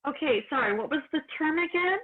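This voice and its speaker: A woman contestant on a video-call game show, giggly and hesitant, with a husky voice. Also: high voice, animated, brisk. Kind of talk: casual game chat over a video call. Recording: dull lo-fi video call audio.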